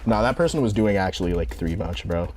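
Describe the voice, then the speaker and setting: This man has a low, darkish voice and talks a little fast, with a faint hiss or hum in the audio. He's twenty-eight, from New York, and slightly drunk while casually chatting on a gaming stream, full of slang, profanity, rambling, and endless "bro"s.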